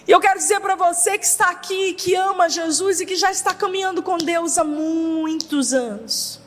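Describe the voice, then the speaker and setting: A woman's voice: extremely high pitch, steady tone, moderate pace, a bit bright. A woman pastor with a Brazilian accent preaching an impassioned sermon in a church, making prophetic declarations. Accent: Brazilian Portuguese. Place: church hall. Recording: live church sermon with long hall reverb and faint music.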